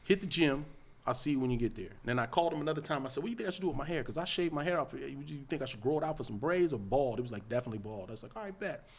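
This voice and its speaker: A man with a Los Angeles accent, a podcast guest telling an animated story and acting out the quotes. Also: mid-range voice, very fast, breathy edge. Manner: lively, acts out quotes, loud and laughing at the peaks.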